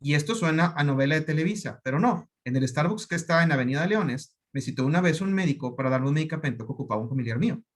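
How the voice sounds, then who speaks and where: A man with a Mexican accent, a doctor giving a conference talk, telling anecdotes in a lively way and acting out the dialogue. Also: on the high side, fast talker, few pauses. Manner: lively storytelling, acts out quoted dialogue.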